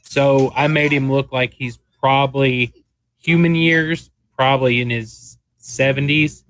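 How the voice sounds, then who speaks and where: A man playing a tabletop game, describing things casually in a halting, explanatory way. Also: mid-range voice, fairly even intonation, a bit bright, no room sound.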